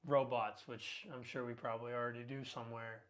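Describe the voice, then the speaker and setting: Upbeat twenty-something male co-host, talkative, casual and filler-heavy, average pitch. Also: flat delivery, brisk. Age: 20s. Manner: talkative, upbeat, frequent ums and uhs. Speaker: podcast co-host. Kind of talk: casual podcast chat.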